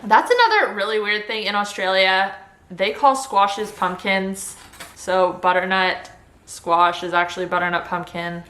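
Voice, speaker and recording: A woman's voice: medium pitch, unhurried, fairly bright tone. A woman vlogger chatting casually to camera in an informal, upbeat way. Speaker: vlogger sharing surgery recovery tips. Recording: roomy indoor echo.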